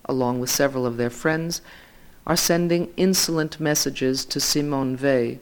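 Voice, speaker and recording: A man reading literary fiction aloud in a measured way, voice dropping softly at the ends of lines. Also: mid-range voice, fairly even intonation, smooth. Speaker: reader.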